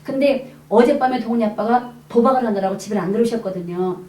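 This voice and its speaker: A woman evangelist giving a lively testimony sermon to a congregation, acting out the dialogue in her story. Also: on the high side, fast talker. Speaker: evangelist preacher. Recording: echoey hall, mic at a distance.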